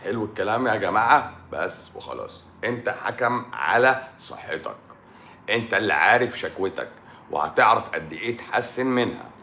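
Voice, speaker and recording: Fast sarcastic Egyptian man on a live stream. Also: fairly low pitch, expressive, reverberant, slight background noise. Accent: Egyptian Arabic. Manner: sarcastic, teasing, swings from mutters to loud outbursts. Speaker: doctor hosting a live stream. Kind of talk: live stream chat answering viewer comments.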